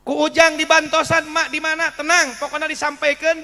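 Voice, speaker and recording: A man voicing a calm, helpful young village man who reassures soothingly. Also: high voice, fairly quick. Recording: echoey hall.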